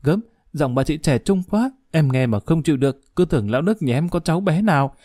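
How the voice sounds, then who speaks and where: A man voicing a jealous, hot-tempered wife, a schoolteacher, who is sharp-tongued and quick to flatter. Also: medium pitch, no room sound, studio quality, close to an everyday voice. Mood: fawning. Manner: sharp-tongued, then fawning.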